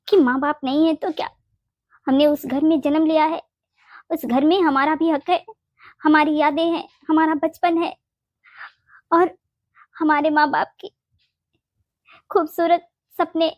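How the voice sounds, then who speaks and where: A woman voicing a fiercely protective, sharp-tongued older mother-in-law in a Hindi cartoon, blunt and bossy. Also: high voice, dry recording, studio quality. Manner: blunt, scolding, makes boastful vows.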